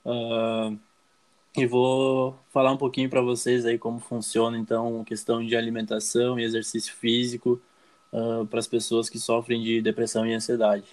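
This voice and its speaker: A young man with a Brazilian accent speaks casually and pauses often. He hesitates and restarts, searching for his words as he answers questions. His voice sits at an ordinary middle pitch. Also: monotone, darkish tone. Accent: Brazilian Portuguese. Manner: hesitant, many fillers and restarts. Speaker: guest.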